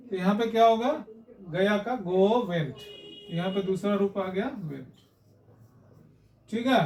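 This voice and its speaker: A man teaching English grammar in a classroom lesson, explaining slowly and checking in with his students again and again. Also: sits high, darkish tone. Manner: explains slowly, repeats and checks with "haan?" and "theek hai?". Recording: echoey room, mic far off.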